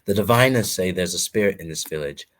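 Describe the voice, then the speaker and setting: Arrogant young noble with an English accent, shouty and imperious; a man doing the voice. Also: low voice, animated, quick pace. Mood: haughty. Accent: English (put on). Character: arrogant young male nobleman, bossy and haughty.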